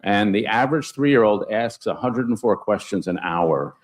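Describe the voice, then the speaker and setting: A man speaking on a conference panel, telling anecdotes with sudden upward jumps in pitch for emphasis. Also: expressive, normal speed. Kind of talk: panel discussion storytelling.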